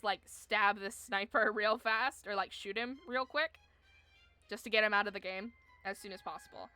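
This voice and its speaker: A woman's voice: on the high side, pushed and bright. A woman streamer giving casual live gameplay commentary, explaining the game rules step by step with lots of filler words.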